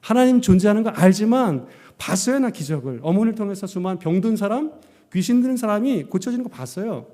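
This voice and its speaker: A male pastor preaching a sermon, telling his story with lively acted-out lines. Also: high voice, quick pace, long reverb tail. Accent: Korean. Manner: animated storytelling, acting out his own past words. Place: church sanctuary.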